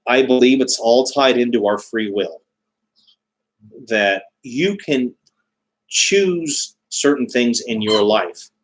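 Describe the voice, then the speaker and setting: A man chatting casually as a livestream host, halting often as he searches for his words. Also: medium pitch, rough recording. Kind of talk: casual live chat explaining spiritual beliefs.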